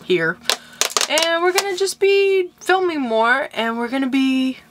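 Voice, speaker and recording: A woman vlogger chatting casually about camp cooking, relaxed and fond of saying "like". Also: sits high, a little slow, noisy background. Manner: relaxed, chatty, says "like" often. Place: campsite outdoors.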